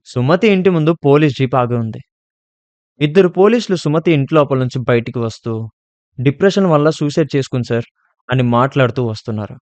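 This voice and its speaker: A man narrating a scripted horror story in a steady, measured way. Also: mid-range voice, no echo.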